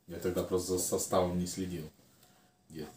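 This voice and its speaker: A man in a casual, halting chat over food, chewing while talking. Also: sits low, little pitch movement, a little mellow, distant mic. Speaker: co-eater answering questions. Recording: roomy echo, some background noise.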